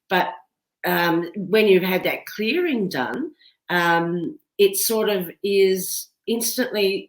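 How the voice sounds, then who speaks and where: Woman, podcast host, chatty, tag questions, echoey room. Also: medium pitch. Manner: chatty, agreeable, often adds tag questions. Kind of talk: casual interview chat.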